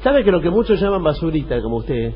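This man co-hosts a radio comedy show and speaks with an Argentine Rioplatense accent. His voice sits on the high side and is very animated and quick as he explains and corrects things earnestly, if a little hesitantly, in improvised dialogue. The radio recording is dull and noisy.

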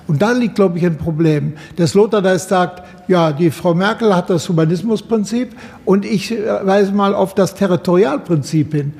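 A man talks in long, winding, academic sentences on a radio panel. His voice sits high and sounds soft and mellow. A long reverb hangs on every phrase. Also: normal speed. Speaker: panel guest.

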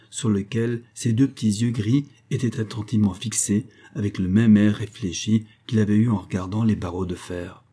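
A man narrating a novel as an audiobook reader in a measured, even way. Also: on the low side, breathy edge.

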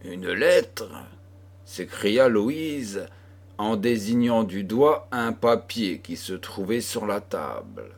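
A man narrating a classic novel as an audiobook reader, in a measured, deliberate way. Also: fairly low pitch, very animated, vocal fry.

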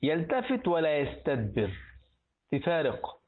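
In a tinny, phone-like recording, a middle-aged sheikh with an Egyptian accent gives a colloquial lesson on hadith and jurisprudence. His slightly high voice swoops wildly in pitch at a moderate pace, and he repeats words aloud and tests his listeners with questions.

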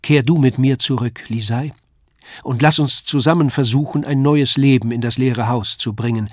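A man's voice: medium pitch, normal speed, darkish tone, no room sound, studio quality, close to an everyday voice. A man reading aloud, voicing an earnest young man who speaks in a heartfelt, pleading way. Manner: heartfelt, pleading, rising emphasis. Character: earnest young man asking his love home.

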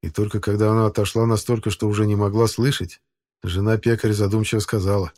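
A man narrating an audiobook in a steady, even storytelling manner. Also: on the low side, fast talker. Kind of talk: scripted narration.

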